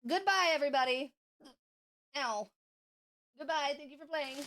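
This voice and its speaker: Hiccuping high-voiced young woman streamer. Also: normal speed, a bit bright, a little hiss or hum. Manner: chatty, rambling, swears casually. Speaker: gaming streamer. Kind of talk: casual livestream chat.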